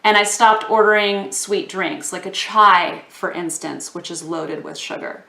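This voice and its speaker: A woman from Texas talking casually to camera in a vlog, a little hoarse from losing her voice, chatty with fillers. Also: lowish voice, measured pace, bright, forceful tone. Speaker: yoga vlogger. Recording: echoey room.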